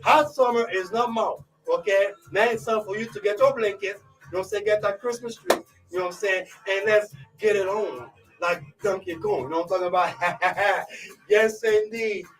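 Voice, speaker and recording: A man from Côte d'Ivoire hosting a live radio show, hyping listeners and filling every pause with "you know what I'm saying". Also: sits high, distant mic, faint music behind, poor audio. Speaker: radio host.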